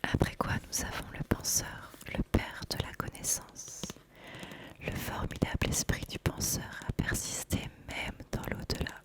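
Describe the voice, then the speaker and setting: A woman whispering a soft, measured ASMR presentation with deliberate phrasing. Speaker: ASMR host presenting an oracle card deck.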